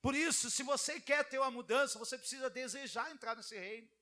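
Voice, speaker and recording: High bright-voiced pastor preaching. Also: male voice, a little fast. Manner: animated preaching, acting out quoted voices. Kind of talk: sermon.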